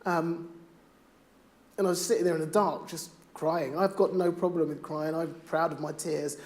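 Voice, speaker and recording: A middle-aged father speaking on stage, performing spoken word poetry with a rhythmic, rhymed delivery that swings from hushed to loud. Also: on the high side, fairly even intonation, normal speed.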